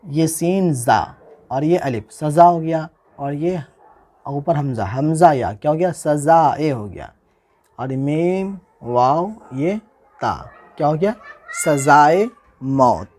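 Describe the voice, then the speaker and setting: A man teaching Urdu handwriting, spelling each word slowly and repeating it, often asking how the letters are joined. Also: a little high, expressive, warm tone. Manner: slow, patient, repeats each word and asks "how will we join this?". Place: indoors, recording a tutorial without a camera.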